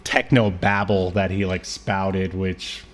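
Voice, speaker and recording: This podcast co-host has a low, level voice and speaks slowly, with a faint hiss or hum in the audio. He chats casually about pop culture, his phrasing hesitant and rambling, full of trailing asides.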